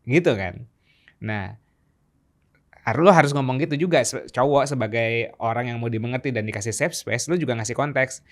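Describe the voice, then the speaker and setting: A man, co-hosting a casual relationship talk and acting out quoted lines. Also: brisk. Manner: animated, acts out quoted lines with pitch jumps. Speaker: relationship coach co-host. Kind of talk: casual conversation.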